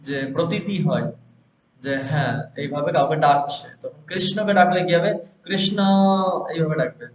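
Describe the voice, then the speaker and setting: A man teaching a grammar lesson, who explains step by step and asks and answers his own questions. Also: fairly high pitch. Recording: echoey, dull lo-fi room recording with faint hiss.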